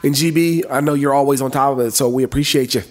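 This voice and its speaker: A man's voice: mid-range voice, steady tone, quick pace, a little mellow. A man hosting a casual sports talk show, upbeat and affirming, who leads the transitions between segments.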